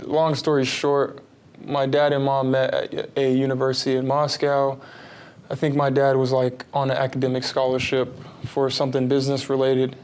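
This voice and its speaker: A relaxed man in his thirties who grew up in Texas talks through his answers in a casual interview. He rambles a little and keeps his voice level and even, with hardly any rise or fall. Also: mid-range voice, smooth. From United States (Texas). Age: 30s. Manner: relaxed, rambling, many fillers and restarts. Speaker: basketball player, interview guest.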